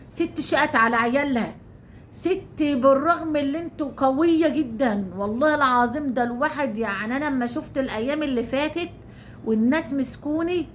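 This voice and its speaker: A woman's voice: sits high, a little hiss or hum. A woman with an Egyptian Arabic accent giving heated, repetitive ranting commentary to her channel, swearing oaths often. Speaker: YouTuber.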